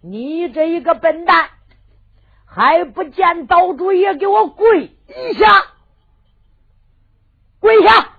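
A woman with a Henan accent voicing an arrogant male bandit chief who shouts and scolds in sung storytelling. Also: high voice, expressive, a little slow. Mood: scolding. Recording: tinny lo-fi recording with faint fiddle music.

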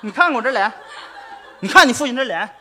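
A man performing crosstalk comedy as the lead teller, spinning a lively tale and laughing along as he goes. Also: very high-pitched, quick pace. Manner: lively storytelling with laughing asides.

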